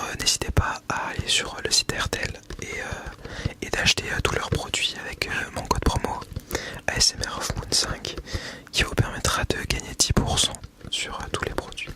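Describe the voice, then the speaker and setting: An ASMR video creator whispers breathily in a casual style, chatting about products with a tongue-in-cheek, mock-solemn air. He is testing a small clip-on wireless mic.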